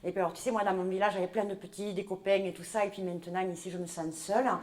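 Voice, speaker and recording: A woman's voice: mid-range voice, fairly even intonation, very fast, darkish tone, lightly acted. A woman playing a chattering southern French mother. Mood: confiding. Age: middle-aged. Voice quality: talkative, rambling, indignant asides. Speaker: comic stage character. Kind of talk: live comedy sketch. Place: large echoey hall. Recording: roomy live hall sound.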